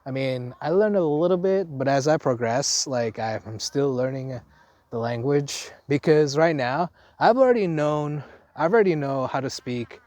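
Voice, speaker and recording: A foreign teacher from Indonesia vlogs casually and without a script about life overseas, speaking animatedly at a moderate pace. This young man has an Indonesian accent and a mid-range, slightly mellow voice, recorded dry, and his rambling talk is full of fillers and restarts.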